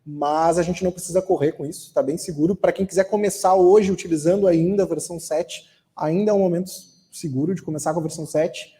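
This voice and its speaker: A man speaking as a software architect, answering an audience question at a tech talk in a relaxed, explanatory way. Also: on the high side, quick pace. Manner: explanatory, relaxed, frequent "né?" tags. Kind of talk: conference Q&A answer.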